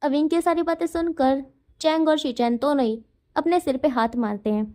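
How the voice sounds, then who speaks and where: A woman's voice: high-pitched, normal speed, darkish tone. A woman narrating a fan fiction story in a casual, chatty way. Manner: casual and chatty, explains scenes plainly.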